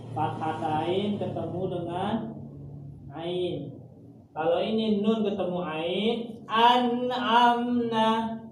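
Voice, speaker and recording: A man with a high voice teaches Quran reading to a group, speaking slowly and repeating each rule with patience. He draws out the example words in a slow chant. He is heard from far off in a very echoey, noisy room. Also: fairly even intonation. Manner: patient, repeats rules and drills syllables. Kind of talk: informal classroom teaching. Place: gathering room with students.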